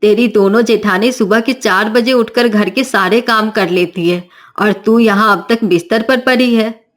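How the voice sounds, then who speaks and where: A woman's voice: medium pitch, a little slow, natural voice. A woman voicing a strict middle-aged mother-in-law who scolds and gives orders in a commanding way in a cartoon story. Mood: scolding.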